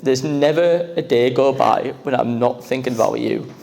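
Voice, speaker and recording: A man's voice: mid-range voice, moderate pace, creaky, a little mellow, in a large hall. A young man giving his groom's speech at a wedding reception into a handheld microphone, nervous and emotional, often laughing through his words.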